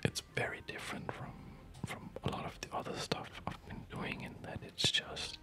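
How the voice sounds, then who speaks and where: An ASMR host who sounds tired whispers casual, rambling commentary while playing a video game. The phrasing is hesitant and loosely connected, delivered at a moderate pace.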